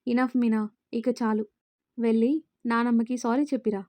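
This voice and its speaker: A woman's voice: fairly high pitch, level tone, normal speed, mellow, no room sound, lightly acted. A woman voicing a young man, a stern boss who scolds in a commanding way in a spoken storybook.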